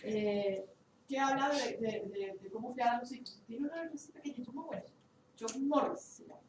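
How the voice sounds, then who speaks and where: A woman in a workshop retelling an anecdote, pausing and searching for words. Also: on the high side. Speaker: workshop participant. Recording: echoey room, far from the mic, faint hiss.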